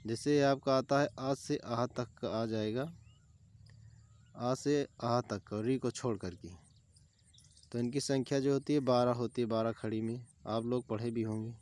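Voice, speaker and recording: Male tutor, exam-prep grammar class, clear smooth voice, repeats terms and lists examples. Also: mid-range voice, fairly even intonation, moderate pace, darkish tone. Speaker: teacher.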